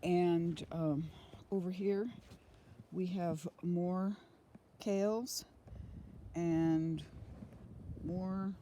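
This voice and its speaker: A middle-aged woman strolls through an outdoor garden, chatting casually into a handheld phone. She talks at an unhurried pace with frequent ums. Steady rain noise sits clearly under her voice. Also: lowish voice. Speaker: homesteader giving a garden tour. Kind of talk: casual walking tour narration.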